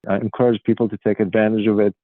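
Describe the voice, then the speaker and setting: A man in his forties from Morocco, giving earnest interview answers with frequent um pauses. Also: lowish voice, flat delivery, dry recording. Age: 40s. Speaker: guest, pigeon racing federation official. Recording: tinny phone line, dry.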